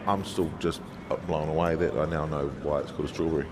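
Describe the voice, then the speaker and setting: A man's voice: a bass voice, fairly even intonation, fast. A man with a broad New Zealand accent doing casual live motorsport commentary with laid-back, slangy banter. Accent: broad New Zealand (Kiwi). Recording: clear outdoor vehicle noise. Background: cars and outdoor ambience.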